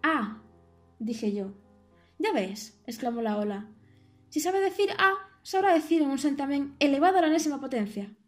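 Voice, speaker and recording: A woman's voice: fairly high pitch, moderate pace, warm tone, soft background music, natural voice. A woman voicing a pair of mocking, gossipy sea waves in an audiobook, squealing and melodramatic. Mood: bossy. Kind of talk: audiobook character voice.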